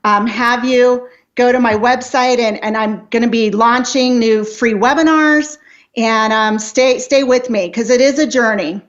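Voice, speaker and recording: In a casual interview, a life coach in her fifties speaks earnestly and motivationally as a guest, often restarting her sentences. Her voice is a little high and unhurried, and the sound is lo-fi.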